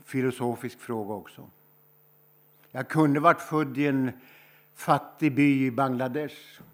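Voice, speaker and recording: Swedish male preacher, mid-range voice, unhurried and thoughtful with weighty pauses. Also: medium pitch, steady tone, fairly bright tone. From Sweden. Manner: slow, reflective storytelling with emphatic pauses. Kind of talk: sermon.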